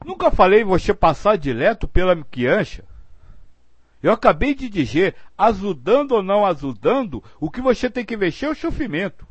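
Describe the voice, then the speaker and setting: A man's voice: sits high, very animated, moderate pace, husky, no echo. A man giving earnest spiritual guidance, explaining points patiently and acting out example phrasings. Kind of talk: spiritual teaching talk.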